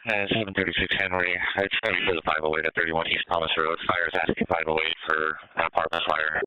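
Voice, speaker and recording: A man with a very low, clear voice rattles off terse police call-ins. He comes through a dull two-way radio channel. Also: little pitch movement, fast talker, dry recording. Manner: terse, procedural. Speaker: police officer calling in. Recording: dull lo-fi police scanner feed.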